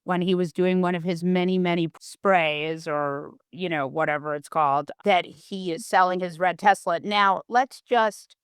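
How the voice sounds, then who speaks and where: A woman's voice: fairly low pitch, fairly even intonation, a little slow, hardly any pauses, clean tone, no room sound, clean studio sound. A middle-aged woman hosting a political podcast in casual chat, sardonic and profane, repeating words for emphasis. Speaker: podcast host.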